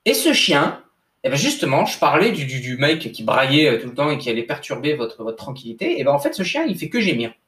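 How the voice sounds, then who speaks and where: Speaking briskly with big swings in pitch, this young sports coach has a mid-range, fairly bright voice. His motivational talk is informal and full of repeated restarts and slang, and he addresses the listener as "bro." He's seated at a desk indoors, recorded from afar in a room with echo.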